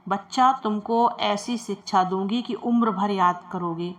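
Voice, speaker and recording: A woman's voice: medium pitch, measured pace, close to an everyday voice. A woman voicing a shrewd, commanding queen who coaxes and questions. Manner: commanding, coaxing.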